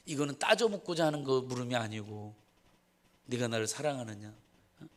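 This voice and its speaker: A male pastor giving an earnest church sermon, often asking a rhetorical "응?" and acting out dialogue in voices. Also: a little high. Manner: earnest preaching with frequent rhetorical "응?"; acts out dialogue in quoted voices. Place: church service.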